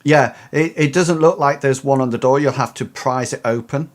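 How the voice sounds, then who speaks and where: A man's voice: mid-range voice, moderate pace. A man narrating as game master, explaining rules and the action to his players.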